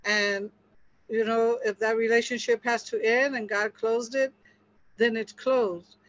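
A woman's voice: fairly high pitch, fairly even intonation, measured pace, no room sound. Earnest woman sharing testimony, lo-fi. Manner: earnest, storytelling, acts out quotes with laughter. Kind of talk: casual testimony in a group discussion. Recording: dull lo-fi sound.

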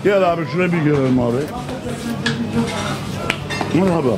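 An older male travel show host with a high voice, boisterous and jokey as he greets everyone. He speaks into a handheld mic in a busy restaurant while music plays clearly behind him. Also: normal speed. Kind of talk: lively roving interviews.

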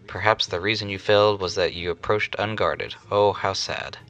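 A gushing, theatrical grown man with bulging eyes, as a man puts him on for a fan anime dub. He dotes on the girl with over-the-top swoons. The voice is low and bright with a forceful edge. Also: steady tone, normal speed, muffled recording, soft background music, close to an everyday voice. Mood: doting.

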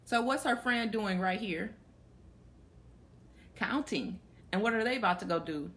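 Inside a small, plain room, a young woman reads aloud from a picture book and stops to ask the children listening questions. Her mid-range voice is fairly bright, with lively intonation and a measured pace.

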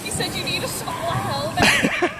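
A woman's voice: very high-pitched, big pitch swings, moderate pace, crowd noise. A young woman bantering casually in a vlog. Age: young adult. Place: large indoor snow slope hall. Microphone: handheld phone, sometimes off to the side. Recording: noisy, crowded indoor hall.

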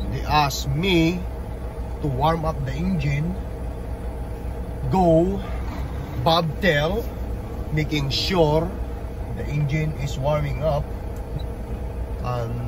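Slow-talking Filipino trucker vlogging. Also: male voice, on the high side. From Philippines. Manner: plain, slightly broken English, talks to viewers while filming. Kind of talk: casual vlog narration. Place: truck cab and repair shop, winter. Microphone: handheld phone camera. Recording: phone audio with clear vehicle noise. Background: engine and vehicle noise.

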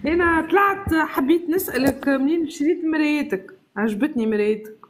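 A woman's voice: high voice, brisk. A woman calling into a live stream, teasing and mocking the host. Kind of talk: heated live stream debate.

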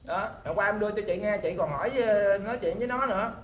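A man's voice: sits high, quick pace, fairly bright tone. A man, a husband, pleading and explaining at length in a rambling way that repeats itself. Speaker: husband in a marital dispute. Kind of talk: emotional pleading talk. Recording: echoey, with background noise.

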